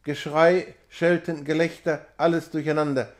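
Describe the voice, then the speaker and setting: A man reading a classic novella aloud in a measured, expressive way. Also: fairly high pitch. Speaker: reader.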